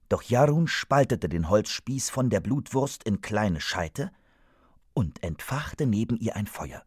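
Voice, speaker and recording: Husky-voiced male storybook narrator. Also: lowish voice, darkish tone, dry recording, clean studio sound.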